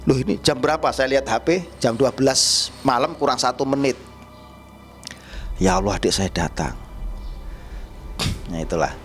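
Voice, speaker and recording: A man's voice: mid-range voice, lively intonation, normal speed, long pauses, soft background music. A man telling a personal story casually, acting out the dialogue as he goes. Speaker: guest storyteller, spiritual healer.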